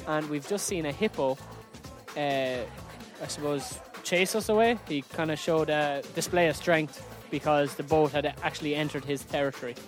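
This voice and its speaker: A man's voice: on the high side, normal speed, faint music behind. A man co-hosting a travel vlog outdoors on a river boat, talking in an easygoing, playful way. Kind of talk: casual travel chat.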